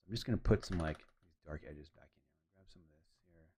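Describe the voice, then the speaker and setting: His voice is very deep, slightly mellow, and fairly quick. Working on photo edits, he casually rambles through a long story, voicing the people in the conversations he recounts and talking through his editing steps as he goes.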